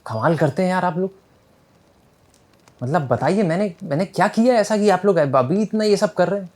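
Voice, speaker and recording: A man's voice: on the high side, a little fast, a little mellow, pitched above the performer's own voice, close to an everyday voice. A man voicing a hot-headed male prisoner who rants indignantly about his love for animals, in a slangy way.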